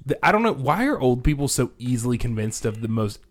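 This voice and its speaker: A man's voice: mid-range voice, fast talker. A young man co-hosting a podcast, telling stories casually and acting out quotes. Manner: animated storyteller, acts out quotes. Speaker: podcast co-host. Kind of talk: casual chat.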